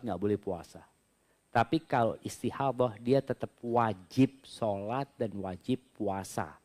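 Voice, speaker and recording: A male preacher at a question-and-answer religious talk, speaking at an ordinary male pitch. He reads the questions aloud and then works through each answer in an easygoing, conversational manner, explaining step by step. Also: darkish tone.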